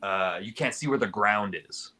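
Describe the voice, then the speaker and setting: A man's voice: lowish voice, moderate pace, sharp tone. A man narrating a tabletop game as game master, improvising vivid descriptions in colloquial language.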